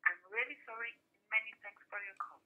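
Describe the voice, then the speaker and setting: A woman's voice: a little high, a little fast. A woman answering calls at an office, heard over a phone line that keeps breaking up, politely apologetic and deflecting as she spells things out letter by letter. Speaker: embassy staff member answering calls.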